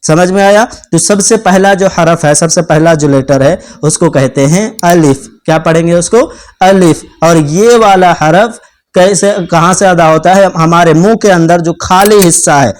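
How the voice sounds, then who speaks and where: A man teaching a beginner Quran class step by step, repeating each letter slowly and often checking that listeners have understood. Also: sits high. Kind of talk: patient step-by-step lesson.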